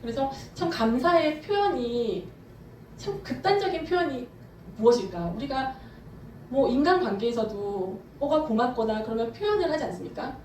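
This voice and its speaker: A woman pastor preaching a sermon with fervent emphasis, speeding up and slowing down as she drives her points home. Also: high voice, animated, darkish tone, slight background noise. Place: church sanctuary. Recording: echoey church hall, from far off.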